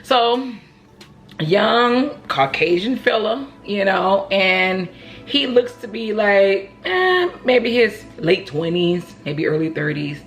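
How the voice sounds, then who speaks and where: A woman's voice: medium pitch, animated, slow, soft background music. A woman from Oakland, California with an American accent, chatting casually as she tells a rambling personal story and acts out what people said. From Oakland, California, United States. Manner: rambling, conversational, acts out reported dialogue. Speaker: vlogger telling a personal story. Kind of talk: casual storytime chat to camera.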